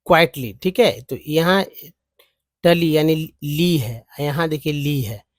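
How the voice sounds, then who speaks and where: Slow, patient male Hindi English tutor. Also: on the high side, no room sound. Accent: Indian English. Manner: reads English text word by word, slowly sounding out syllables; addresses viewers as friends, repeating and explaining patiently. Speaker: English teacher. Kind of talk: Hindi-language English reading lesson.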